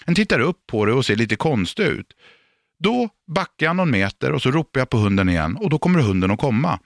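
A man working as a dog trainer, giving calm, patient and emphatic instruction for radio or a podcast. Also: medium pitch, gravelly, dry recording, studio quality.

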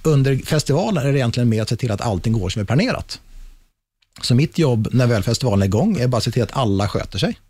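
Man, husky, animated storyteller, acts out the quotes, dry recording. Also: mid-range voice, dry recording. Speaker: festival production manager. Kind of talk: casual storytelling in a podcast chat.

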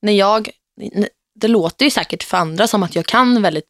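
Animated young woman podcast host. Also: mid-range voice, dry recording, studio quality. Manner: animated storyteller, acts out quotes, laughs often. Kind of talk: casual podcast chat.

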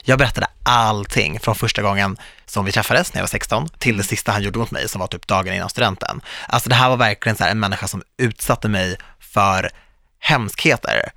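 Male podcast host, 30s, bright and present, animated storyteller. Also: fairly low pitch, vocal fry, no echo, studio quality. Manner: animated storytelling, quotes others vividly. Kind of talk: casual podcast chat.

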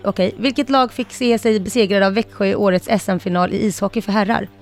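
A woman co-hosting a radio show, reading quiz questions briskly and joking with her co-hosts. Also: mid-range voice, faint music behind. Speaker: radio co-host and quizmaster.

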